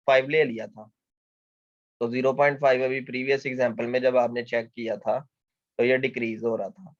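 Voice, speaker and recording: A man's voice: medium pitch, no echo. A man giving a mathematics lecture in a patient, explanatory way, often repeating key points and asking questions he then answers himself. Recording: dull dry lo-fi lecture recording.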